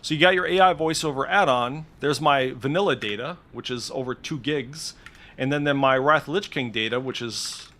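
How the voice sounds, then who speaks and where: Speaking at a fairly high pitch with a slightly bright tone, a game streamer shows off add-ons over screen share. His commentary is loose and casual, with plenty of swearing.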